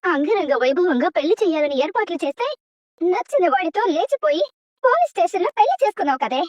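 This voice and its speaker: An enraged TV-serial mother, loud and bitter, dry mix. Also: very high-pitched, very animated, quick pace, dry recording. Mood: scolding. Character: furious middle-aged mother disowning her daughter. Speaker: mother of the bride. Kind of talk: TV serial drama acting.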